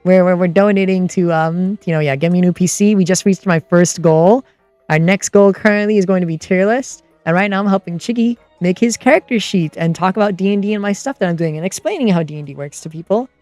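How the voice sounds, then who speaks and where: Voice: mid-range voice, a little fast, darkish tone, dry recording, faint music behind. A streamer and game master of unclear sex chatting casually and explaining tabletop game rules in a rambling way.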